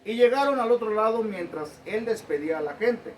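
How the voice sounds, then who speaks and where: A man with a high voice reads scripture aloud and then explains it to his congregation in a plain, easygoing way. He sounds set back from the mic, with a faint hiss in the background. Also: animated, a little fast. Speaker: pastor. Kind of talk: sermon with Bible reading. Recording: distant mic with faint noise.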